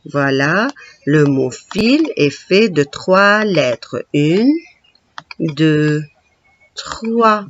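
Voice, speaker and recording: Very slow patient teacher woman. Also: sits low, animated, dull audio, slight background noise. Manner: slow, patient, syllable-by-syllable counting. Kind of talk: classroom reading lesson.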